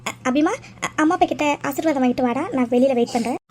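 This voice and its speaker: A woman's voice: high-pitched, quick pace, a little mellow, slight background noise, close to an everyday voice. Polite middle-aged cartoon aunt, humble tone, voiced by a woman. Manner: polite, apologetic. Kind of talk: cartoon voice acting.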